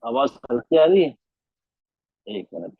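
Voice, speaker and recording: A man's voice: mid-range voice, big pitch swings, a little slow, gravelly, husky, no echo, phone-quality sound. A man teaching a Quran recitation class online, patiently repeating letter sounds to demonstrate them.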